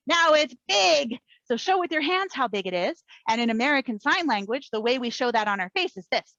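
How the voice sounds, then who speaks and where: A woman's voice: high voice, a bit bright, dry recording. A woman running a children's story time as a librarian, talking cheerfully and coaxingly straight to small children. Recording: dull, muffled recording.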